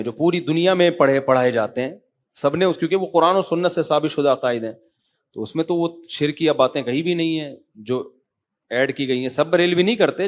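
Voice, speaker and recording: A middle-aged man with a Pakistani Urdu accent, a tired cleric reading out written questions and answering them in a conversational sermon, often calling listeners brother. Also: fairly high pitch.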